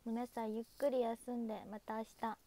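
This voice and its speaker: A woman's voice: fairly high pitch, level tone, normal speed, dark tone. A young woman chatting casually on a livestream, thanking viewers by name and saying goodnight. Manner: chatty, reads viewer names and thanks them, waves goodbye. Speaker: idol livestreamer.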